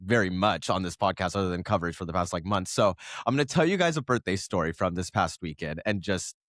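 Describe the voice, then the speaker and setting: A man's voice: low voice, animated, fast, fairly bright tone, no echo, clean studio sound. A man in his thirties hosting a solo podcast, chatting casually and rambling, correcting himself and laughing often, while coming down with a cold. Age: 30s. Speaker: podcast host.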